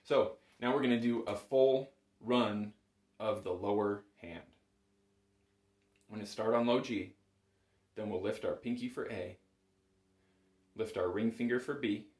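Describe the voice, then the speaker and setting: A man with a rather low, slightly mellow voice gives a measured, informal bagpipe chanter lesson, pausing often as he goes step by step. He's patient and encouraging, his words echoing in a small music room at home.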